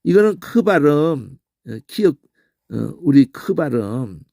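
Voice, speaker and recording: Lively man teaching pronunciation. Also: a little high, slow, gravelly, dry recording, studio quality. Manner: demonstrates sounds aloud, frequent "어?" check-ins. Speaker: Bible language teacher. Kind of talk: informal pronunciation lesson.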